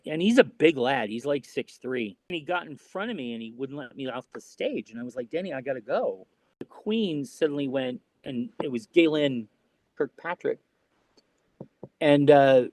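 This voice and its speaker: Man, choked up, halting storytelling, very slow pace, dry close recording. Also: medium pitch, a little mellow, no room sound. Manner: slow, halting, with many restarts. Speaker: Renaissance fair performer. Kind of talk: emotional storytelling interview.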